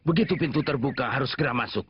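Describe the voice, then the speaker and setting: A man's voice: mid-range voice, very fast, a little hiss or hum, close to an everyday voice. A man voicing a dutiful, easily flustered middle-aged gatekeeper in an amateur anime fan dub, speaking politely and hesitantly. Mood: explaining. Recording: lo-fi with background music.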